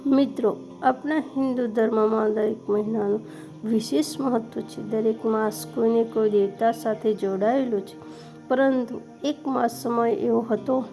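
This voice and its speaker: Woman, devotional story narration, reverent, mellow tone, faint music behind. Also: fairly high pitch.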